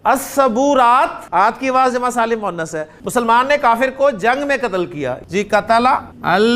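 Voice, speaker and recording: Man teaching grammar, deliberate. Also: extremely high pitch, a bit bright. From Pakistan. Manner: deliberate, drills students with questions, spells out sounds slowly. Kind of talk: classroom grammar lecture.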